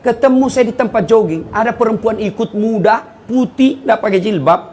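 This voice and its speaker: A fairly high-pitched man delivers a lively, joking sermon as a preacher, telling stories and teasing his listeners. A faint hiss sits under his voice. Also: a little fast. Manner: jokey, animated storytelling with asides to the audience. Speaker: Islamic preacher. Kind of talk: humorous sermon to a congregation.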